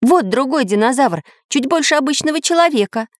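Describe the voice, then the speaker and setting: A woman voicing a cheerful male tinkerer figure in a storybook reading, in a raised, bright voice. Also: animated, fairly quick, dry recording, clean studio sound. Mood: excited. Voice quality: high, bright put-on voice.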